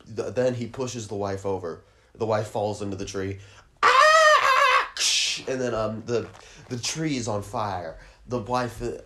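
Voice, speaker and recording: A man hosting a comedy podcast rambles crudely, his speech full of ums and restarts, and breaks now and then into shrill, squealed sound effects. His voice is a little mellow.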